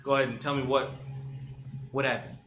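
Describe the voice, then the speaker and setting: A man's voice: medium pitch, flat delivery, fairly quick. Man narrating a tabletop game over noise. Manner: casual, hesitant with fillers. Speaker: game master. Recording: noisy home recording.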